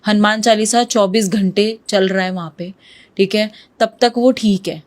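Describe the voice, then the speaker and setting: A woman's voice: medium pitch, steady tone, normal speed. A woman guest in an interview, telling a true ghost story in a vivid way and slipping English words into her Hindi. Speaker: podcast guest.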